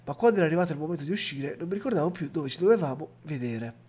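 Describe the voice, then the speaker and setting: A tender, fearful young sorceress, read aloud by a man. The delivery stays plain, like someone reading game dialogue off the screen. The voice sits a little high, with a husky edge. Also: expressive, very fast, a little mellow.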